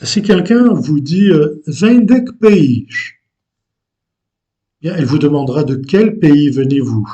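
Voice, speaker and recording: Slow, hesitant man teaching language. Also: fairly high pitch, animated, warm tone, lo-fi sound. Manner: slow and deliberate, with frequent hesitations. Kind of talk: unscripted language lesson.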